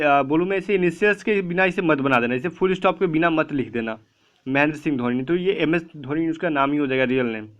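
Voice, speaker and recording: A man with a fairly high voice gives an online English lesson for exam students. He explains step by step, often asking a question and answering it himself. The audio sounds dull and lo-fi. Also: fairly bright tone. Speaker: English teacher for exam prep. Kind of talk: online class lecture.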